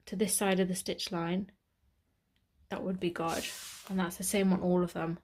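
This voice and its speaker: Chatting her way through a step-by-step sewing lesson, this British woman catches and fixes her own slips, musing aloud as she works. Her voice is mid-range and slightly mellow.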